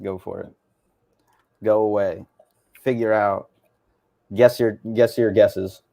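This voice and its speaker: A young man co-hosting a casual history livestream, chatty and quick to laugh. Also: fairly low pitch, steady tone, vocal fry, dark tone.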